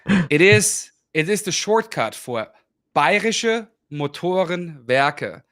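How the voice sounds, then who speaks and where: A man's voice: sits high, sing-song, fairly bright tone, no echo. Man with a German accent, dry sound. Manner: explains at length with restarts; spells words out slowly. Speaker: host. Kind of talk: casual cultural Q&A chat.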